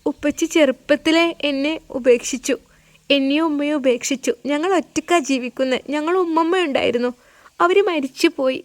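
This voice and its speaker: A woman's voice: high voice, normal speed, no echo, pitched above the performer's own voice, close to an everyday voice. Woman playing a tearful little girl. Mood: sad. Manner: tearful, clinging, pleading. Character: little girl pleading for a father figure.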